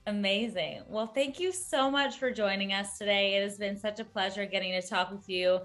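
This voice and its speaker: A woman with a mid-range voice hosts an interview over a video call, reading out fan questions and cheering on the answers. Faint music sits quietly behind her. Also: mid-range voice, fairly even intonation, normal speed. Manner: upbeat and affirming.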